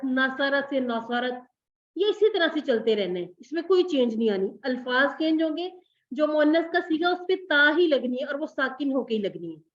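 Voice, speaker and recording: A high-pitched woman leads an online Arabic lesson, patiently correcting each student. The sound is dull and lo-fi, as over a call. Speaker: Quran Arabic teacher. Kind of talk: online class teaching.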